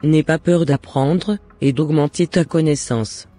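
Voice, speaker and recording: A man plays a cartoon mother, devout and loving, who counsels her son in formal words with earnest encouragement and a gentle advising mood. He speaks a little high and a little slow in a dark tone, over soft background music, as scripted dialogue.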